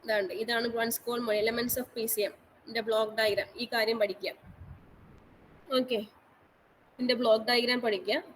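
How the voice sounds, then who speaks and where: Brief: woman lecturer on an online class call, higher pitch, repeats every instruction, faint background noise. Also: steady tone, moderate pace, long pauses, poor audio. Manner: repetitive, instructive, mixes English terms into speech. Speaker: college teacher.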